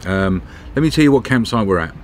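Fairly quick and expressive, a middle-aged Briton's fairly low voice carries his casual vlog chat to camera from a campsite. The camera sits at arm's length, and its outdoor audio includes background noise.

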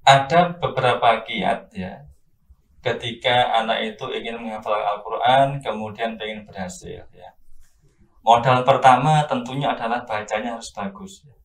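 Male Quran teacher, mid pitch, calm explainer, distant roomy sound. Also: normal speed. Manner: calm explanatory, adds "ya" tags. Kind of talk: casual interview.

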